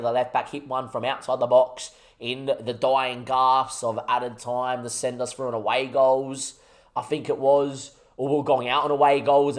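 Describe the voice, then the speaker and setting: Speaking at a medium pitch, this young man streams his football management game live. Between moves he talks with viewers and pumps himself up, his manner excitable and rallying.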